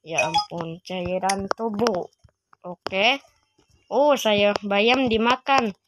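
A woman's voice: medium pitch, extremely slow, noisy background. A woman hosting a gaming channel, giving let's-play commentary, chatty and constantly exclaiming as she talks to her viewers. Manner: constant exclaiming, frequent "waduh" and "aduh"; chatty, addresses viewers as guys.

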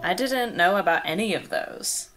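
A woman co-hosting a podcast, reacting to a story with quick, amused remarks in casual chat. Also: medium pitch, lively intonation, a bit bright, a little hiss or hum, low-quality recording. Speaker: podcast co-host.

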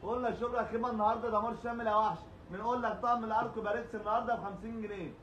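A young Egyptian man works a live sales stream like a booming prize announcer. His high voice races along, hammering the same phrases over and over. The room is echoey. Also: steady tone, very fast, fairly bright tone, dull audio. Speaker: live sales host in a homeware shop. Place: small shop, indoors. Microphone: phone camera a short way off. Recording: echoey room with faint noise.

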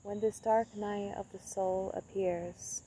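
Standing next to a tree in the woods, a young woman who writes spoken word poetry talks into her phone camera at arm's length, musing casually before reading her own poem. She speaks softly and haltingly at a medium pitch and steady tone, pausing often and using many fillers. Outdoor crickets and insects fill the background, along with a slight hiss or hum.

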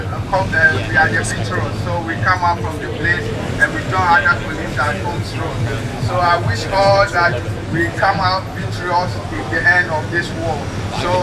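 A man, a striking worker, addressing a union rally through a megaphone in a plain, hesitant way. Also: high voice. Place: outdoors at a street rally. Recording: distant, echoing, noisy street megaphone.

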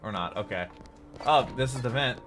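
A man in his twenties giving casual, joking, excitable commentary as he streams a game. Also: mid-range voice, normal speed, a little hiss or hum. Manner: excitable, joking, startled exclamations. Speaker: game streamer playing a first playthrough. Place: small indoor room, seated at a gaming desk. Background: game music and sound.

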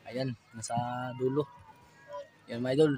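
A man with a Filipino accent narrating a casual fishing vlog from a small boat, shouting excitedly during catches. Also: medium pitch, unhurried, soft background music. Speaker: fishing vlogger.

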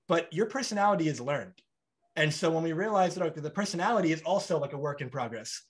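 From a bright home room, a thirty-something podcast host interviews a guest conversationally over video call. His slightly high voice moves at a quick pace, and he's animated, gesturing broadly as he acts out both halves of little exchanges.

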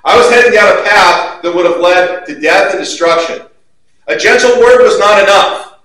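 Echoey pastor preaching in a hall. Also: male voice, moderate pace. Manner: earnest, swings from loud emphatic to quiet and low. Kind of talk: sermon. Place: church sanctuary. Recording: very echoey hall, mic at a distance.

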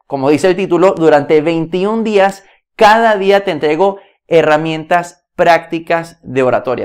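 Male speaking coach, fairly high and smooth voice, clear emphatic delivery, lesson tone. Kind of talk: instructional video lesson.

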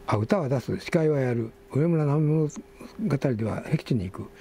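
A man's voice: mid-range voice, expressive, normal speed, mellow, slight background noise. An older man hosting a casual talk show, reading magazine articles aloud with asides and self-corrections. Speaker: magazine editor and host.

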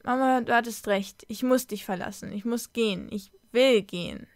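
A woman's voice: fairly high pitch, fairly even intonation, a little fast, dry recording, studio quality, lightly acted. A woman voicing a curious, stubborn young schoolgirl who speaks earnestly and pleads.

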